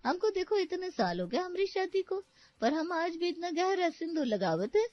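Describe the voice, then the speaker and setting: A nosy village laundry woman with a Bhojpuri-flavoured lilt, her high voice drawn out in a sing-song way. She preaches and pries, in a storybook cartoon style. The recording is dry and a little dull. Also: big pitch swings, normal speed, dry recording. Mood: nosy, preachy. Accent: Bhojpuri-flavoured Hindi. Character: chatty middle-aged female village laundry worker, meddling.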